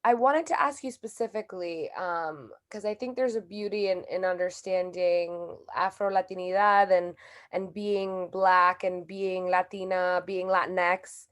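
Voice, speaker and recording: A woman asking a question in a talk, searching for her words with many pauses and fillers. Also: fairly low pitch, fairly even intonation. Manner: searching, hesitant, lots of "um" and "like". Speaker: audience questioner.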